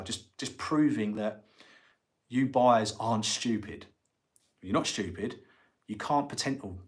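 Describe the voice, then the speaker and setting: A man's voice: lowish voice, fairly bright tone. A man with an Essex accent, chatting casually and informally as the host of a livestream. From Essex, England. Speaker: livestream host and estate agent. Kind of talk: casual livestream chat answering viewers' comments.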